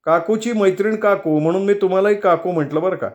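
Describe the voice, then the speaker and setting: A man's voice: high voice, fast, pitched above the performer's own voice, close to an everyday voice. A man reading the lines of a shifty young man who puts on a cheerful tone in a storybook.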